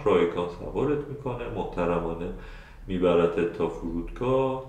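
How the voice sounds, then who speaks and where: A man with a fairly low voice is teaching a live webinar, talking loosely and chattily with plenty of filler sounds and restarts. He addresses his audience directly and answers their questions. His computer mic captures a very echoey room.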